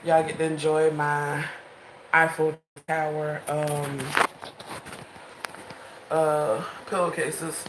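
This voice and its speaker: A woman's voice: deep voice, level tone, very slow, pauses often, echoey room, noisy background. A woman in her twenties talking casually and frankly in a late-night home vlog, rambling between thoughts, with the phone held in her hand. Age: 20s. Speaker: vlogger.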